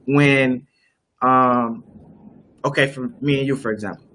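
A man's voice: medium pitch, steady tone, unhurried, pushed and bright. A young man hosting a casual discussion on a live video call, explaining at length with many fillers and restarts. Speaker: host. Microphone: webcam on a video call.

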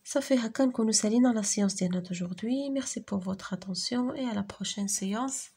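Moroccan female schoolteacher, breathy tone, slow double-read drills for kids. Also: medium pitch, warm tone. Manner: reads each phrase twice, slowly and clearly, then explains in Darija. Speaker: primary school teacher. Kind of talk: recorded French lesson for young pupils.

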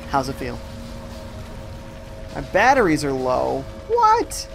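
A man's voice: a little high, normal speed, a little hiss or hum. A young man casually commentating a live game stream, reading viewer chat aloud and reacting to the gameplay. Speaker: gaming streamer.

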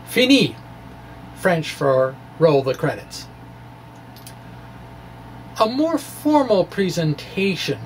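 This physics lecture comes from a man in his forties whose voice sits a little high, moving between scripted passages and off-the-cuff explanations with a playful, wry, dramatic touch. He's recorded in a small indoor room with bookshelves, on a stand microphone close in front. The quality is low, and a faint steady hum lingers in the background.

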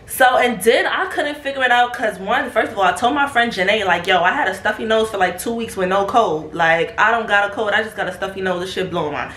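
A woman's voice: medium pitch, a little fast, few pauses, reverberant. A young woman telling a casual, profane storytime about her pregnancy to her viewers. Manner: slangy, profane, animated, breaks into laughter. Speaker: vlogger.

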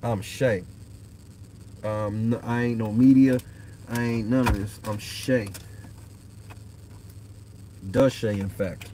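Here the host's fairly low, mellow voice stays steady, taking things slowly with frequent pauses. He's a man in his thirties livestreaming casual, profane, rambling talk from a parked car at night into a phone on the dashboard, with slight background noise.

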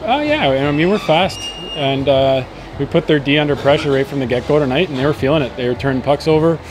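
Outside an arena at night, a man in his thirties who plays hockey talks into a handheld mic after the match. His slightly high voice is expressive and fairly fast, his tone earnest and upbeat, with lots of fillers over a noisy background.

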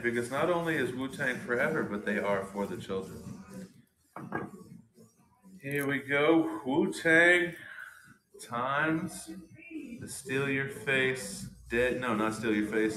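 A man in his thirties with a fairly low voice hosts a casual product showcase, bursting with excited, slangy enthusiasm. The small indoor room gives his voice an echo.

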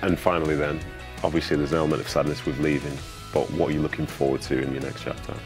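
A man's voice: rumbling low, level tone, fast, music in the background. A man, conducting a conversational sit-down interview. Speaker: interviewer and former player. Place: indoor studio on a sofa.

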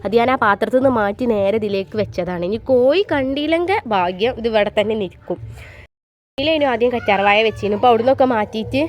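A woman's voice: a little high, expressive, fast, lo-fi sound. A woman, chatting casually to her viewers in a family vlog. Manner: chatty, addresses viewers, ends remarks with soft tags. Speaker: family vlogger.

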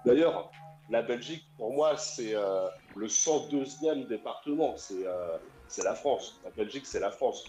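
Warm, expressive and unhurried, the man's medium-pitched voice comes through an internet call to a radio program. In his thirties, he chats casually as a caller, enthusiastic and meandering with lots of fillers, against a roomy echo and faint music.

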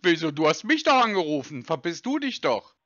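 A man's voice: a little high, big pitch swings, brisk, fairly bright tone, no echo. A man mocking and laughing at a scam caller on a prank phone call. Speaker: scam baiter.

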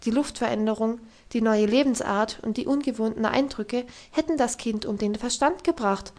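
A woman reading a classic novel aloud as audiobook narrator, with a steady storytelling delivery. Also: fairly high pitch, moderate pace. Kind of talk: scripted narration.

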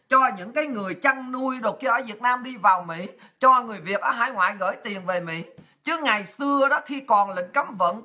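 Fiery, bright-voiced woman. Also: fairly high pitch. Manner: blunt, scolding, exclamatory, coarse slang. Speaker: political commentary host. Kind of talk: impassioned monologue.

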